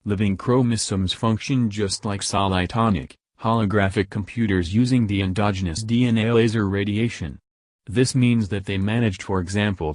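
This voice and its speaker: A man narrating a script in a disguised, pitch-lowered deep voice, reading steadily and in measured lists. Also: darkish tone, no room sound, clean studio sound.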